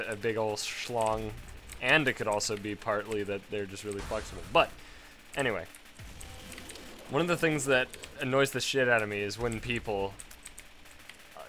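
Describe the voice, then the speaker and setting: A man's voice: on the low side, sharp tone, a little hiss or hum. A man doing casual, crude gameplay commentary, rambling between topics, his voice strained and failing.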